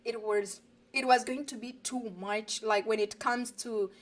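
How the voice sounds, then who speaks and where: Woman, earnest and animated. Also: on the high side, a little slow. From Uganda. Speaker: guest, digital business coach. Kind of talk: live online interview. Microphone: video call.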